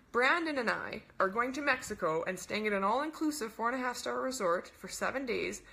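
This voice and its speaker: A young woman hosting a casual coaching webinar, bubbly and rambling, gushing with enthusiasm and acting out little dialogues in a higher voice. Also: creaky, sharp tone. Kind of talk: casual webinar talk to camera.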